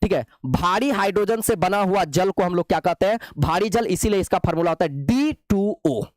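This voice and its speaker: Male teacher, playful coaxing lecture style, high and animated. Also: moderate pace, dry recording. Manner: playful, repetitive, coaxing students with "babu". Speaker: chemistry teacher. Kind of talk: classroom lecture.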